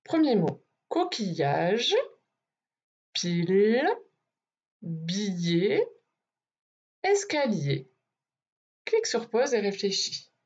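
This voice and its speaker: Woman teacher, phonics lesson for small kids, slow and lively in pitch, slightly husky, dull lo-fi sound. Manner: slow, deliberate, over-articulated sounds. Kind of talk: phonics lesson for young children.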